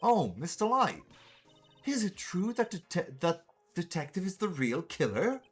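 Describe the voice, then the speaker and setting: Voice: mid-range voice, big pitch swings, measured pace, slightly rough, soft background music, pitched above the performer's own voice. A streamer voicing a cheerful, worried young female spirit medium in a game read-through.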